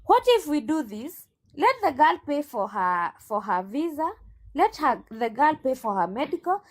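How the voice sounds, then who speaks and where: An assertive woman with a Kenyan accent speaks as an agency owner in an interview. Her voice is notably high, and she argues her points firmly. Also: sing-song, normal speed. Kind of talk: interview guest.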